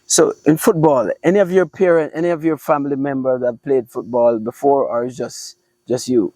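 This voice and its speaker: A man's voice: medium pitch, steady tone, normal speed, mellow, dry recording, low-quality recording. A man hosting a podcast, asking his guest questions in a casual, encouraging way that often trips over his words. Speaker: podcast host. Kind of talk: casual interview chat.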